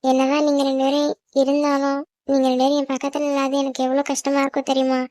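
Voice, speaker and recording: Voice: high voice, monotone, quick pace, darkish tone, no echo, clean studio sound, lightly acted. Someone voicing a whiny little sibling. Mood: pleading. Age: child figure. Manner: pleading, whiny sibling talk. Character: youngest child sibling, clingy and sensitive. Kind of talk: cartoon voice acting.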